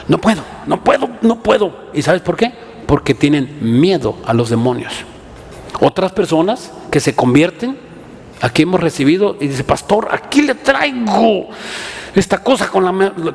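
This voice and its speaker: Mexican pastor preaching in a big hall. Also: male voice, a little high. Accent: Mexican Spanish. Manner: impassioned, rising to forceful preaching; acts out quoted voices, many fillers and repeats. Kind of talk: sermon. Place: church hall.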